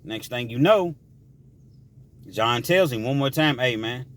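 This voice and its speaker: Animated man telling a story. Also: mid-range voice, slow. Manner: animated, emphatic, sound effects. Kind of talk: casual storytelling vlog.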